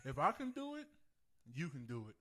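A man's voice: fairly high pitch, huge pitch swings, brisk, a crowd in the background. Rambling man with slurred underbite speech. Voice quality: slightly slurred, thick-tongued articulation from an underbite and lazy tongue. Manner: rambling, self-correcting, repeats phrases for emphasis. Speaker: co-host of a relationship talk show with his wife. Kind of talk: casual relationship chat.

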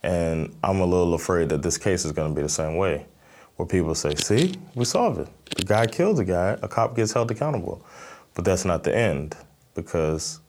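An American man from Miami, a comedian, answering interview questions in a thoughtful, halting way with many fillers and restarts. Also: deep voice, a little mellow. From Miami, Florida, USA. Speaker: stand-up comedian, interview guest.

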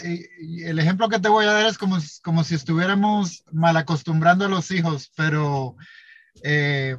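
A man talking haltingly and heartfelt in a casual conversation, sharing a personal experience as a guest. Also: a little high, fairly bright tone, dry recording. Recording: dull lo-fi sound.

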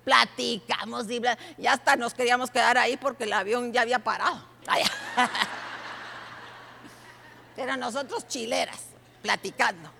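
A woman pastor delivers a sermon in a church. Her voice sits a bit high, with a bright, sharp edge and gravelly fry. She speaks animatedly, calls out to her listeners directly and now and then breaks into shouts, with faint noise in the background. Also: normal speed, long pauses.

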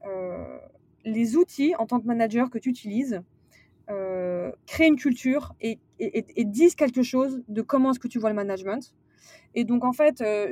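A woman's voice: a little high, a little mellow, no room sound. Hesitant woman on a dry podcast mic. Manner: hesitant, many fillers and restarts. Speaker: guest, sales director turned manager. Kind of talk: casual interview conversation.

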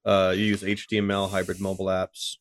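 A man's voice: sits low, monotone, brisk. A man co-hosting a tech podcast, chatting casually with lots of fillers and restarts. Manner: rambling, filler-heavy, self-deprecating. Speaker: podcast co-host.

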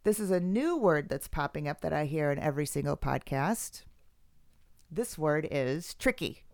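A woman's voice: low voice, lively intonation, normal speed, darkish tone, no echo, studio quality. A woman co-hosting a casual podcast chat, emphatic and fond of repeating herself for effect. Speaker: podcast co-host.

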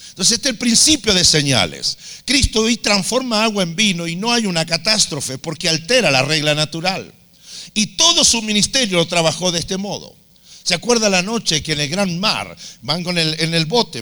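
Animated man preaching a lively sermon. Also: sits high. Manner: animated storytelling, acts out voices with humor.

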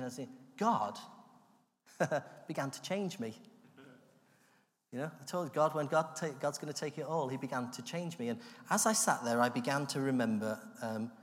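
A man from the UK giving an animated, self-deprecating personal testimony that acts out the voices in his story. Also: mid-range voice. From United Kingdom. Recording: long hall reverb.

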